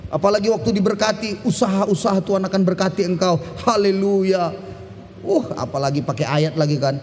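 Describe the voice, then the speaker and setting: A man pastor giving a lively sermon, shifting from sudden shouts to slow, emphatic drops. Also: high-pitched, big-room sound, a little hiss or hum.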